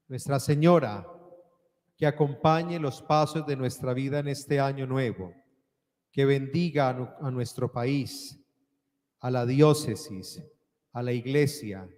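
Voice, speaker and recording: A man speaking as a priest at Mass, leading homily and prayer in a measured, declamatory way in an echoing church. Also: medium pitch, a little mellow. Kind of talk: solemn liturgical homily and prayer. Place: large church, live Mass. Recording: echoey church hall with long reverb.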